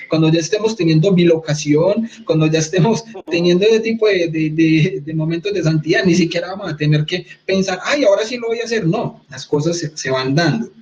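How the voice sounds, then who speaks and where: A Colombian man teaches on a question of faith in a conversational interview. His voice sits a little higher than most men's, and the recording is somewhat dull and muffled. He keeps checking in with his listeners through quick rhetorical questions. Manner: animated, rhetorical questions, mock-quotes others. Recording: slightly muffled sound.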